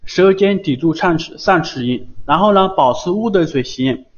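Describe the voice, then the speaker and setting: A man's voice: high voice, lively intonation, moderate pace, highs cut off. A man teaching Japanese pronunciation in an online class, patiently repeating syllables many times over a computer mic.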